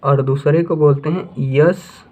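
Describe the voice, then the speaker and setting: A man with a fairly high, darkish voice and steady tone teaches beginner English grammar in a classroom style; his first language is Hindi. He repeats points and poses questions he then answers himself, slowing down to dictate English sentences. The audio sounds tinny, like a phone.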